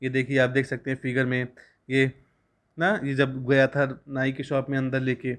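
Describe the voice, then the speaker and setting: A young man teaching a school English lesson, reading lines slowly and then explaining them at length. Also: mid-range voice, monotone, fairly bright tone.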